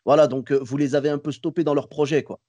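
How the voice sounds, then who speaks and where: A man with a Moroccan-American accent hosting a casual interview podcast, relaxed and encouraging, often adding little tags like "you see". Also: on the high side, fast talker, no echo. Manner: relaxed, encouraging, sprinkles "tu vois". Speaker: podcast host.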